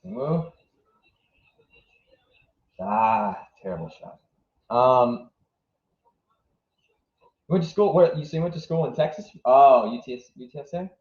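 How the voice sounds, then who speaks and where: This livestream host, a young American from southwest Virginia, talks through a match as it happens, musing aloud and responding to chat in a loose, rambling way. He has a medium-pitched, slightly mellow voice, expressive and unhurried with frequent pauses, in a dull, echoey room.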